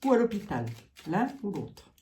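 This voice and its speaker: A woman's voice: medium pitch, sing-song, moderate pace, warm tone, slight background noise. A woman with a Lorraine accent giving a tarot card reading, musing aloud with trailing asides and frequent tags. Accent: Lorraine French.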